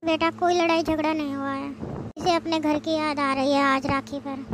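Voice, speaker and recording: A woman voicing a gentle older Indian mother in a cartoon, speaking in a soft, comforting motherly tone. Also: high voice, flat delivery, moderate pace, noisy background, natural voice. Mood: soothing. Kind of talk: cartoon voice acting. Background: background music.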